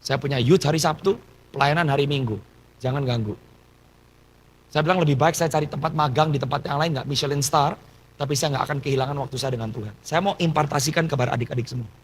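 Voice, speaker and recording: A man's voice: a little high, fast talker, a little hiss or hum, poor audio. A man from Surabaya, a pastor, preaching a personal testimony with a Surabaya Indonesian accent and mixing in English phrases. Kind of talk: sermon testimony.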